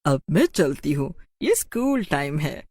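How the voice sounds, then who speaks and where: A woman's voice: low-pitched, sing-song, measured pace, a little mellow, dry recording, full character voice. A woman voicing a fierce, protective mother witch in a storybook tale, doting on her daughter and menacing to those who wrong her. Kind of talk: storybook narration.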